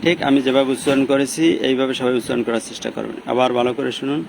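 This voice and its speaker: Gravelly man teaching recitation outdoors. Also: mid-range voice, fairly even intonation, noisy background. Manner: drawn-out chanted recitation between patient explanations. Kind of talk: slow step-by-step pronunciation lesson.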